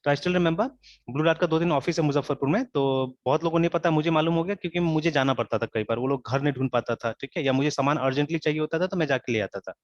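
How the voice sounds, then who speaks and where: Talking fast in a somewhat high voice, a man teaches a casual programming class online, peppering his speech with English and "theek hai". There is no echo, just dull, dry lo-fi audio.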